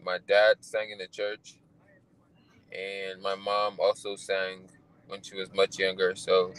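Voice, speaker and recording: A young man from Liberia, raised in Ghana, answering interview questions about his music in a soft, hesitant way with many fillers. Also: lowish voice, clean tone, low-quality recording. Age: young adult. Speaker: musician guest. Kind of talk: interview answers over a call.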